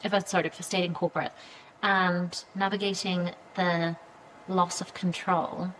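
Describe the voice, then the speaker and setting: A woman's voice: lowish voice, level tone, moderate pace, fairly bright tone, a little hiss or hum, rough recording. Chatty woman in her thirties. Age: 30s. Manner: chatty, many fillers, acts out quoted reactions. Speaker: PR agency founder, podcast guest. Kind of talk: casual interview conversation.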